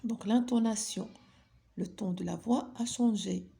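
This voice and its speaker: A woman's voice: medium pitch, measured pace, gravelly, warm tone. A woman teaching a grammar lesson, patiently asking her pupils questions and then answering them herself. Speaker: French teacher.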